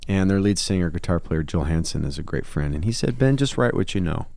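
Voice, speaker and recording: Earnest low-voiced man telling a story. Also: lively intonation, fairly quick, vocal fry, a little mellow, no room sound. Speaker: guest; songwriter and musician. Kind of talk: conversational interview.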